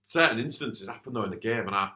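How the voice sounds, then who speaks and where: Low-voiced man venting about refs. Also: fast talker, bright, forceful tone. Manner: plain-spoken, frustrated, many restarts. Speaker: futsal coach and podcast co-host. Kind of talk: casual podcast chat.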